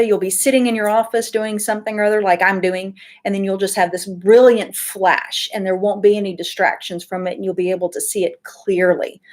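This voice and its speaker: A woman giving a casual weekly oracle card reading from her home office, chatty and full of ums and asides. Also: medium pitch. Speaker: tarot and oracle card reader.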